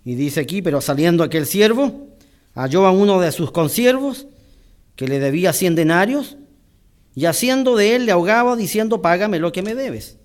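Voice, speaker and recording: Male preacher, high voice, church sermon, reads scripture, then explains slowly with pauses. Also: expressive. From Chile.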